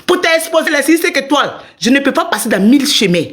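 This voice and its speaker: A middle-aged woman with a high voice hosts a live stream. She rants at a rival in a heated, angry way, turning now and then to her viewers to ask them to tap. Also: big pitch swings, brisk, a bit bright.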